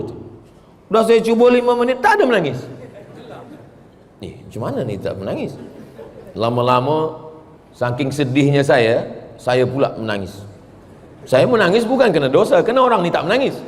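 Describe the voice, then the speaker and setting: A man in his forties preaching a sermon in a lively storytelling way with touches of humor. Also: fairly high pitch. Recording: echoey hall with long reverb.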